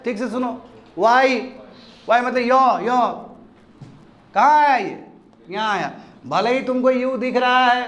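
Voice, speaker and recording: High-voiced man teaching a class. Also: fairly bright tone, roomy sound. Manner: questioning, drills students repeatedly. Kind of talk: classroom grammar lesson. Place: classroom with students.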